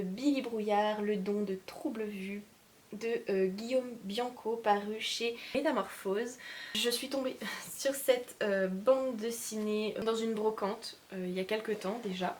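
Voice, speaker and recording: A woman's voice: a little high, fairly even intonation, a little slow, darkish tone. A woman talking casually about her reading list as a book vlogger, hesitating often with filler sounds and poking fun at herself. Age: adult mother of young children. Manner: hesitant, frequent filler sounds, self-mocking.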